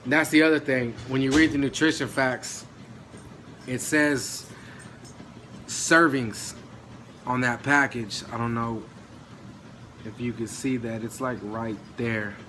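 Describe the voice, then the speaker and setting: A man's voice: medium pitch, fairly even intonation, takes it slowly, long pauses, pushed and bright, a little hiss or hum. A man vlogging about diet in a loose, rambling way, full of fillers and mild swearing, a little out of breath. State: out of breath, dry throat. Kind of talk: casual rambling talk to camera.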